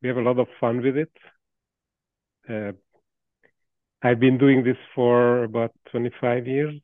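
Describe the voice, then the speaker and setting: A man in his fifties from Hungary, speaking English with a Hungarian accent over a tinny, phone-like line. The sound is dry and close, with no room around it. He talks in a thoughtful, halting way, restarting phrases and laughing softly. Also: mid-range voice, level tone, no echo. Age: 50s. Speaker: AI researcher, guest. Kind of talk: casual interview talk. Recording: dry tinny call audio.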